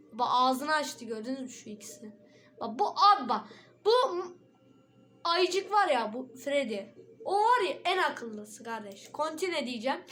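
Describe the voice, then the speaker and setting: Brief: high-pitched woman, jittery horror-game let's play commentary, frequent shrieks and curses. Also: a bit bright, a little hiss or hum. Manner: jumpy, frightened, swears and shrieks often. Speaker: gaming video creator.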